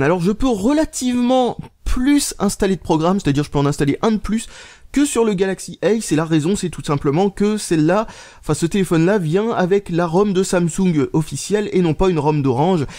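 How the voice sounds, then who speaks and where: A man giving a casual hands-on phone review, halting and full of restarts, muttering and swearing under his breath as he types. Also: high-pitched, expressive, warm tone. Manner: halting, many fillers and restarts, mutters while typing. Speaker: tech reviewer.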